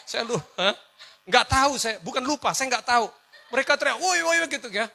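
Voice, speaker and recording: A male pastor preaching, telling a personal story in an animated way, swinging from loud outbursts to hushed words. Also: extremely high pitch, brisk. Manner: animated storytelling, switching between shouts and hushed tones, laughing along.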